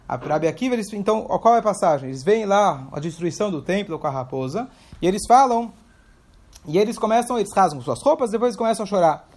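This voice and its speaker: A man's voice: high voice, lively intonation, quick pace, a little mellow. A man teaching a Torah class, explaining step by step and asking questions aloud to his listeners. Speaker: religious teacher.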